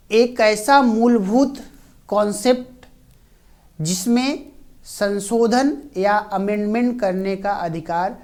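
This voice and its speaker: Woman teacher, unhurried lecture pace, repeats points, leans on fillers. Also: medium pitch. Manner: slow, repetitive, frequent fillers. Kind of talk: classroom lecture.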